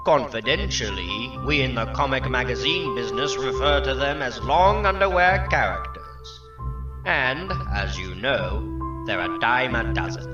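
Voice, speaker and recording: A man's voice: medium pitch, expressive, unhurried, lightly acted. Roomy, hammy comic-book narrator played by a man. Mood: wry, confiding. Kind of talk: hammy dramatic scripted narration. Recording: roomy, dull lo-fi, distant, music behind.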